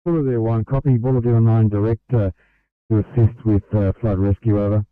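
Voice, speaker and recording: A man's voice: fairly low pitch, steady tone, brisk, clear, resonant tone, dry recording. A man working as a fire dispatcher, speaking in clipped, courteous procedure over a crackly two-way radio. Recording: narrow, crackly radio channel.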